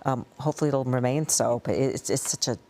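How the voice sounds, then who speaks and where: A woman co-anchoring live breaking news, halting and emotional, stumbling over her words. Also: extremely low pitch, a little mellow.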